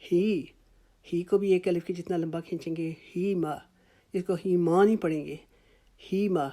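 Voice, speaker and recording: A woman with a lowish, mellow voice gives a calm recitation lesson. She draws out each example word slowly before explaining it. Her tone stays patient and reassuring throughout. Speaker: Quran recitation teacher. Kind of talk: slow instructional tajweed lesson.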